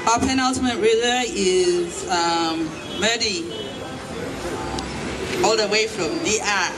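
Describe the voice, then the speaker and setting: A woman hosting a book launch, talking casually with some hesitant pauses. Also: medium pitch, very noisy. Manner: casual, slightly hesitant with fillers. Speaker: event host. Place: festival event hall. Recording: distant mic in loud crowded venue.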